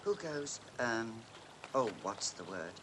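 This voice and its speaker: Figure: a forgetful sentry. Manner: stumbling. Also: male voice, mid-range voice, sing-song, slow, very noisy. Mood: flustered. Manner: hesitant, stumbling. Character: bumbling forgetful male British sentry. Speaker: film actor.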